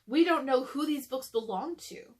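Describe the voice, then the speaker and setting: A woman's voice: sits high, lively intonation, moderate pace. A woman voicing a cautious, bookish young boy in a storybook, speaking earnestly and carefully.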